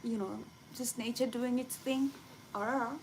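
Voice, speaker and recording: A young woman from Kenya chatting casually with viewers on a livestream, rambling excitedly with many fillers. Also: a little high, measured pace, slight background noise, low-quality recording. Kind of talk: casual live chat.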